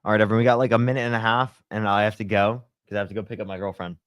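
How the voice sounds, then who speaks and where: On a laid-back livestream, a young man fields chat questions full of "like" and "you know," a little stuffed up from a sore throat. His lowish voice barely shifts in pitch and comes out rapid-fire and a bit bright, in echo-free studio quality.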